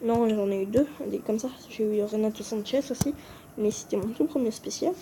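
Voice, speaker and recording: Speaking briskly at a medium pitch, a woman offers casual commentary on a game video as a gaming creator. She's hesitant, often stumbling on names and correcting herself, and her phone screen recording has a noisy background.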